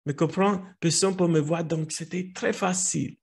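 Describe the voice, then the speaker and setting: A man who grew up in the United States with Italian as his first language, telling a personal story in French with an American English accent, halting and often restarting his phrases. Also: a little high, steady tone, vocal fry, slightly rough. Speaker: speaker at a language club meeting.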